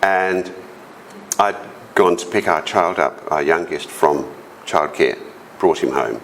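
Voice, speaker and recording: A middle-aged man from South Australia with a big voice and an Australian accent tells personal stories at a conference, animatedly acting out the voices of the people he quotes. His voice is deep and his pace slow. The storytelling presentation, given in a conference hall, is roughly recorded with a little hiss or hum.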